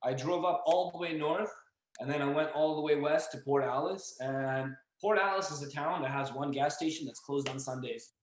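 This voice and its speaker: A young man telling a story as a podcast guest, casual and animated, acting out the voices of the people in it. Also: on the high side, moderate pace, slight background noise. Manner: animated, acts out dialogue and yelling. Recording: echoey room.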